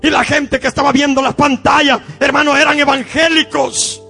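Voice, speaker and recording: Fervent high-voiced man preaching with gravel. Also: level tone, normal speed, soft background music. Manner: impassioned, often shouting, swings into hushed low tones. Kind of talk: fervent evangelical sermon.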